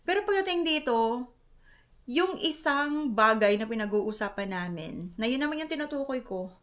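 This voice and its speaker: Lively woman teacher telling a vlog story. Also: fairly high pitch, moderate pace. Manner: animated, laughs often, mixes English into her talk. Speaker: foreign English teacher.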